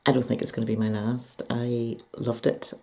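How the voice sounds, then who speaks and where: A book and poetry vlogger from Northern Ireland talks casually to viewers in a reflective, enthusiastic review. The voice is gravelly and dark, medium-pitched and level, at a normal speed.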